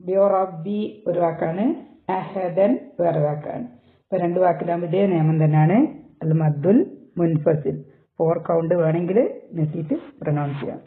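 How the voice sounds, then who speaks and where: A man with a high voice giving a tajweed lesson, explaining the rules step by step. He draws out the Arabic recitation slowly and carefully. The recording is tinny and thin, like a phone line. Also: steady tone. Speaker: Quran teacher.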